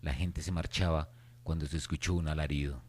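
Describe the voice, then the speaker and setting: A man with a low voice serves as narrator of a radio horror drama. He reads the scripted story as third-person narration. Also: steady tone, fairly quick, very noisy.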